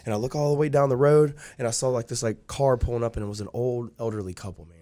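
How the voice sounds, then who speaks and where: A man's voice: mid-range voice, fairly even intonation, fast, warm tone. A young man telling a long personal story in casual chat, rambling with lots of fillers. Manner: rambling, many fillers like "like" and "dude". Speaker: podcast guest.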